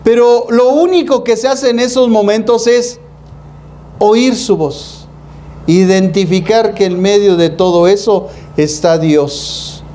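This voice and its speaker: High-voiced Mexican pastor preaching. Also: male voice, slow pace, warm tone. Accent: Mexican Spanish. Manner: folksy, colloquial preaching that slips into street slang; rhetorical questions, calls the congregation "hermano". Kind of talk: sermon.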